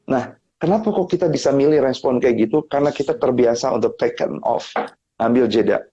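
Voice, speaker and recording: A man talking casually as a guest on a family live stream, telling animated stories and acting out other people's lines with big jumps in his voice. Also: medium pitch, brisk, slightly rough, highs cut off. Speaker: guest speaker on family topics. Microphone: live-stream mic.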